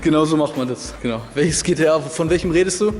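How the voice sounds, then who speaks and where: A fast-talking man with a voice on the high side hosts a martial arts video in a dojo, bantering with the camera through boisterous mock instruction. Heavy background noise, music and a very echoey hall surround him.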